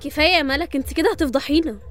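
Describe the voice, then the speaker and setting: Brief: woman voicing over-eager experimenter, high and very fast. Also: faint music behind, close to an everyday voice. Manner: eager, pleading. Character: eager female mad scientist, pleading.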